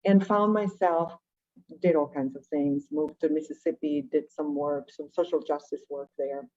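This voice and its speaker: This guest, an education nonprofit director from Venezuela and a native Spanish speaker, shares her personal story in a low-pitched, mellow voice. She sounds conversational and reflective, regularly checking in with rhetorical questions, on dull, lo-fi call audio.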